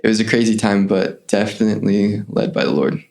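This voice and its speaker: A man's voice: on the low side, a little fast, vocal fry. A young man, a guest on an interview podcast, earnestly telling a story of his missionary service. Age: young adult. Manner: earnest, animated retelling with quoted voices.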